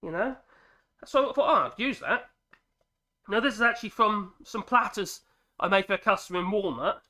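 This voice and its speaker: Speaking from his home workshop through a ceiling-clamped microphone, a middle-aged man hosts a woodworking vlog despite a head cold that leaves him congested. His voice sits high, bright and forceful at a normal pace. The chat is casual and rambling, full of self-deprecating jokes.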